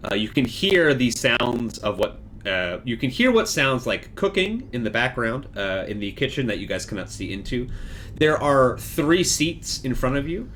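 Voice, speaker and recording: A man's voice: medium pitch, very animated, moderate pace, a bit bright, slight background noise, low-quality recording. A man narrating a tabletop role-playing game as game master, with many fillers and self-corrections.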